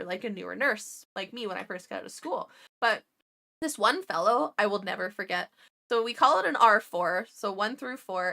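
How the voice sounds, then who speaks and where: Painting miniatures as she talks, an ex-ICU nurse spins stories in a mid-range female voice that sounds pushed and bright. She's chatty, swears freely, and laughs a lot.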